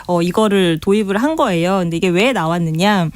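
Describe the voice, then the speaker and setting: A woman's voice: fairly low pitch, brisk, no echo. Woman radio guest, chatty science explainer, dry close studio sound. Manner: chatty explainer, many fillers, retells anecdotes. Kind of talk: radio current-affairs interview.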